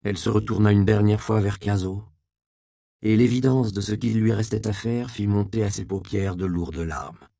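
A man with a low, gravelly voice reads a storybook aloud in measured, expressive narration. The sound is dry and close, with no room around it. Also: no echo.

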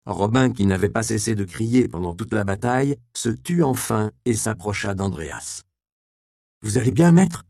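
Guy reading an audiobook, expressive, gravelly, dry close sound. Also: fairly low pitch, moderate pace, hardly any pauses, no echo. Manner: expressive, storytelling. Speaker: narrator. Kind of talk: audiobook narration.

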